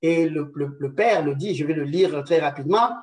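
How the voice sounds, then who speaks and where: A man delivers a conference talk in a slightly raised voice, stumbling over repeated small words and filling pauses as he searches for the next phrase. He keeps reaching out to the audience with rhetorical check-ins. The sound is echoey and picked up from some distance away. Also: fairly high pitch, darkish tone. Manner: hesitant, many repeated words and fillers; rhetorical "n'est-ce pas" tags. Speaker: conference speaker. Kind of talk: presentation lecture.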